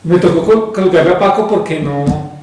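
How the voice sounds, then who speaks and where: A man's voice: a little high, normal speed, darkish tone, slight background noise. A man hosting a live talk show, flustered and repeating himself while sorting out a call. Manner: flustered, repetitive. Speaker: podcast host handling the call. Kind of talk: casual live show chat. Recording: distant, very echoey room.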